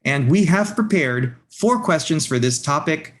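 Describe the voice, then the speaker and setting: A man's voice: fairly high pitch, animated, a little slow. A man hosting an online panel, courteously greeting and introducing participants. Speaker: panel host. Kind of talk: webinar moderating.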